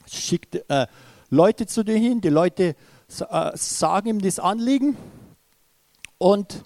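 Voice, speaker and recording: A man's voice: high-pitched, expressive, slow, darkish tone, dry recording. A man preaching a sermon who retells a story with many fillers and restarts, then speaks to his listeners directly. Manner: addresses listeners directly and urgently.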